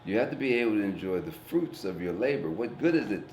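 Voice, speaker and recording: A man's voice: fairly low pitch, big pitch swings, quick pace, a little mellow, a little hiss or hum. A man from East St. Louis, Illinois, a guest comedian talking earnestly and plainly in a casual reflective conversation. He swears casually and repeats words while thinking. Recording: roomy echo.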